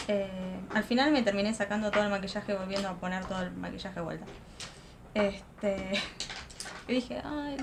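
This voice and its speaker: A woman's voice: medium pitch, noisy background. A young woman, chatting casually through a makeup tutorial at home and thinking aloud. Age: young adult. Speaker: makeup vlogger. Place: home room, close to a lamp.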